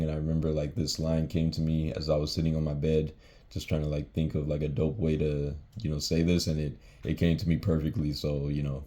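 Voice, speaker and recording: A man's voice: very deep voice, mellow. A young man casually explaining his own rap lyrics, laid-back and full of fillers like um and you know.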